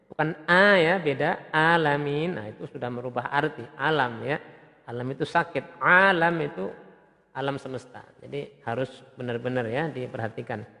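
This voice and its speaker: A man teaching Quran recitation step by step, patiently repeating sounds and chanting verses in a slow, drawn-out melodic tone. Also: mid-range voice, creaky, sharp tone, in a large hall.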